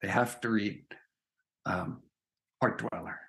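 A spiritual teacher talks through his ideas in an earnest, emphatic way, stopping to ask "right?". His voice sits on the low side, with a gravelly fry under it. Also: slow, fairly bright tone. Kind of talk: reflective conversation.

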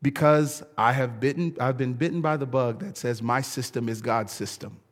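A man preaching a sermon in an emphatic, lively way, often laughing between words. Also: mid-range voice, normal speed. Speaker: pastor. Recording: long hall reverb.

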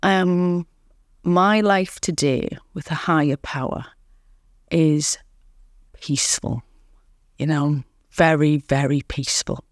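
A woman's voice: low voice, fairly even intonation, slow, long pauses, no echo, studio quality. A woman guest on a podcast, telling her recovery story earnestly and reflectively, often repeating words and saying "you know". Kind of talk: candid recovery interview.

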